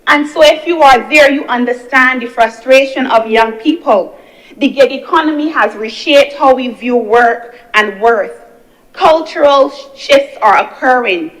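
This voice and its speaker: In an unhurried, high-sitting and fairly bright voice, a young adult woman senator from Barbados makes an earnest speech to the senate chamber. Repeated phrases build her case, heard through poor audio.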